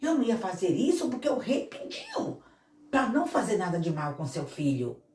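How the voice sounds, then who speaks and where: A woman's voice: mid-range voice, huge pitch swings, moderate pace, darkish tone. A woman voicing a loyal, honest young male soldier in a children's Bible story, speaking earnestly and firmly. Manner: earnest, firm refusal. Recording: echoey room, mic far off.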